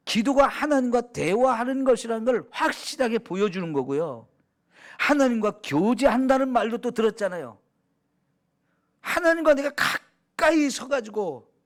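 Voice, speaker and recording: A middle-aged male pastor from Chungcheong with a Chungcheong accent, preaching a sermon in a conversational way, asking the congregation questions and sometimes dropping to a hush. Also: high-pitched. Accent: Chungcheong Korean. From Chungcheong, Korea. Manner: conversational, asks the congregation questions and answers them; drops to a soft hush when quoting prayers.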